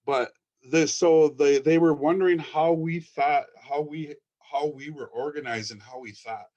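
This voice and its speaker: A man presenting his school at a conference, earnest and excited, often repeating words as he talks through his slides. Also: fairly high pitch, a little slow, dull audio. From Ojibwe, from Minnesota.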